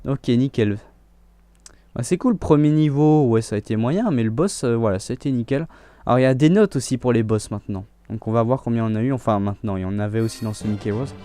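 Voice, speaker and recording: A fast-talking young let's play host with a medium-pitched voice chats casually and relaxedly about his gameplay, frequently restarting sentences. There's no echo in the recording.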